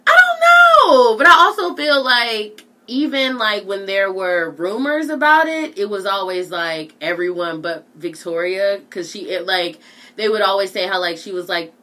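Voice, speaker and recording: A young woman co-hosting a casual chat, animated and laughing often. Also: medium pitch, measured pace. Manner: animated, laughs often, sings snatches of songs.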